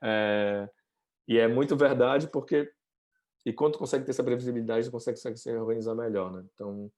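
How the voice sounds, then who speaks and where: A man, a guest chatting casually over a video call with many fillers. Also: mid-range voice. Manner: fast, relaxed, many fillers. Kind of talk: casual interview chat.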